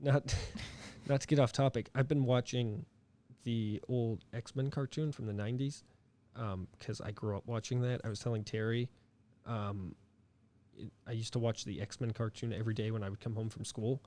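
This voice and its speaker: Young dude rambling on a podcast, lots of ums and likes, casual chat. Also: male voice, medium pitch, steady tone, normal speed, mellow. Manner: rambling, with many fillers and restarts. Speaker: podcast co-host.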